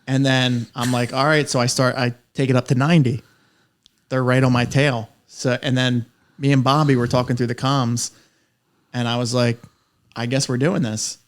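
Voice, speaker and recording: A man's voice: mid-range voice, level tone, moderate pace. A man telling rambling, profane stories in casual podcast chat, laughing as he goes. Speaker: podcast co-host.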